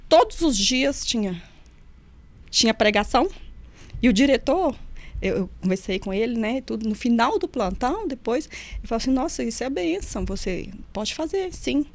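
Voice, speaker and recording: A woman's voice: a little high, moderate pace. A middle-aged woman, recounting memories in a casual interview and acting out the voices she quotes. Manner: lively storyteller who acts out quoted voices. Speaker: nutritionist and former prison officer, guest.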